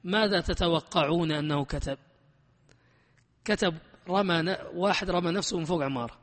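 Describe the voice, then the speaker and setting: A man teaches a classroom grammar lesson in an animated, emphatic way, quizzing students constantly. His voice sits high. The room is a reverberant hall with a long ringing tail. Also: a little fast.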